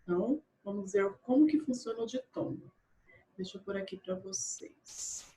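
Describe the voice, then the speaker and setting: A woman teaching a primary school grammar lesson online, patient. She repeats and spells out words slowly and often checks in with her pupils. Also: mid-range voice, mellow.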